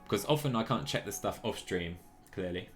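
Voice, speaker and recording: A man with a lowish, animated voice talks a little fast while live-streaming a cycling management game. Thinking aloud, he chats casually and somewhat apologetically as background music plays.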